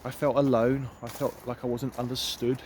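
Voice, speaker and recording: A middle-aged British empowerment coach walks through the woods with his phone in hand, delivering a vlog monologue. His mid-range voice is darkish and fairly flat in pitch, at a moderate pace, and he speaks earnestly and emphatically, repeating phrases for weight. Faint outdoor noise sits in the background.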